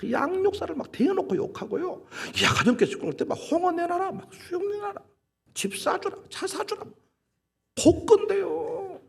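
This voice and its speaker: A pastor acting out a grumbling church lay leader who complains about a demanding member in a rapid, exasperated voice. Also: male voice, very high voice, expressive, gravelly, a little hiss or hum, voice pushed up, full character voice. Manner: exasperated, rapid listing of grievances.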